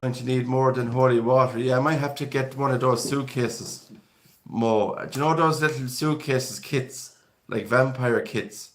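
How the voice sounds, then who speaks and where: A man from Galway with a west of Ireland accent hosts a live stream, chatting casually and reading out viewer comments in a rambling, conversational style. His voice is medium in pitch, with fairly even intonation and a moderate pace.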